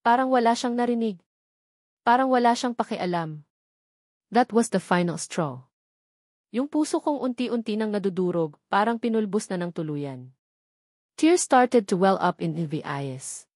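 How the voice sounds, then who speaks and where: A woman tells a first-person audiobook story, mixing languages and lingering on each hurt. Her voice sits at a middle pitch. The sound is dry and close, with no room around it. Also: animated, a little slow, long pauses, darkish tone, dry recording. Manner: emotional, dwelling on hurt.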